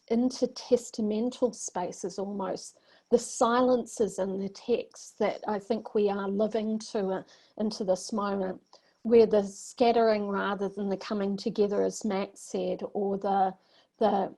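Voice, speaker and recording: A woman from New Zealand with a soft, mellow timbre talks through her thoughts on a video call. She is reflective and searching, circling back and restarting sentences as she works her ideas out. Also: mid-range voice, fairly even intonation, measured pace. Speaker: panelist. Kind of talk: reflective panel discussion.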